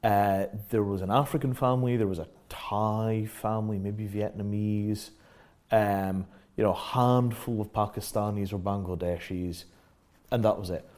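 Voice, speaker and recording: A middle-aged British man speaking as an interview guest. He talks reflectively and acts out the reactions he quotes with sudden lively jumps in pitch. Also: moderate pace. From Britain. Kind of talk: casual conversational interview.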